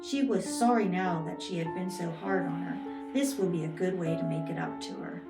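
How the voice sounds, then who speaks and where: A woman with a soft, velvety voice narrating a scripted dark short story. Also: lowish voice, lively intonation, normal speed, vocal fry. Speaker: storyteller reading own stories. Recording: roomy, distant, music behind.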